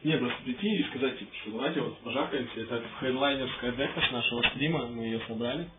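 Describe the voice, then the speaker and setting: A man chats casually in a mid-pitched voice. The recording is very noisy and narrow, as if over a phone, with clicks. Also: fast talker. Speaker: streamer on a card game live stream. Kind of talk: casual chat among friends. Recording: phone-like sound, loud noise, clicks.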